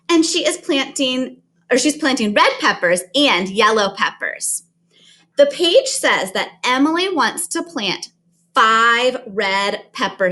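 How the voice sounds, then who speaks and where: A woman's voice: sits high, sharp tone. A woman teaching kindergarten math in a sing-song kids show host manner, speaking directly to children and counting along.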